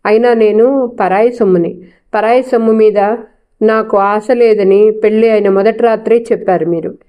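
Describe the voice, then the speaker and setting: A woman's voice: medium pitch, moderate pace, dark tone, natural voice. A woman voicing a proud, defiant young wife with a cutting, sarcastic way of talking.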